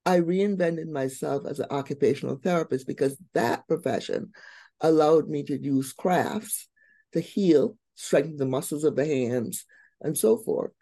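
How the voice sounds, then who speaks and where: An older woman from Barbados, a guest on a radio interview, telling her story in a lively, humorous way. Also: low-pitched, measured pace, creaky, no echo. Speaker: guest, brain and behavior coach.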